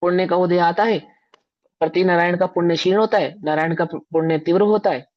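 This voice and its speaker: A man's voice: high-pitched, steady tone, fairly quick. A man giving a religious discourse as a scripture teacher, emphatic and full of rhetorical questions to his listeners. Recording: dull lo-fi recording.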